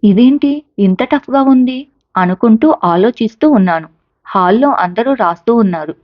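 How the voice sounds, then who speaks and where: A woman reads a storybook tale aloud and acts out every character's lines with an expressive lift in her voice. The recording is dry and a little dull, with no room echo. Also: on the high side, moderate pace. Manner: expressive, lifts her voice for quoted dialogue. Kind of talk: storybook narration, voicing all characters.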